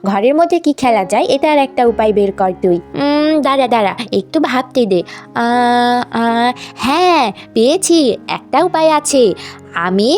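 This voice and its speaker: A woman's voice: a little high, expressive, normal speed, darkish tone, soft background music, natural voice. A woman voicing mischievous little twin schoolgirls who plead and whine in a puppet story. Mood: whiny. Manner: pleading, whiny, stammering.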